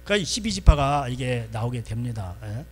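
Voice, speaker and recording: A male pastor preaching a sermon in a church, folksy and animated, constantly prompting the congregation. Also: medium pitch, a little fast, slight background noise.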